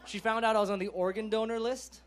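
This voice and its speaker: A man's voice: sits high, little pitch movement, fast talker. A man from California with an American accent doing a stand-up set in a casual, slangy way, laughing often. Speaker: stand-up comedian.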